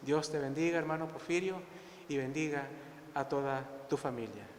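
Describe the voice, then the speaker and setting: Un hombre predicando un sermón de escuela dominical con pasión, repitiendo "hermanos" a cada rato. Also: male voice, a little high, normal speed, a little hiss or hum. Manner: impassioned, repeats "hermanos" constantly. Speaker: preacher. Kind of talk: Sunday school sermon. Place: church. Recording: echoey church hall.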